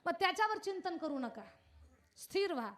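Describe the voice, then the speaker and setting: Her voice is very high and her speed normal as she delivers a devotional kirtan sermon. Telling a story with animation, she addresses questions directly to those listening.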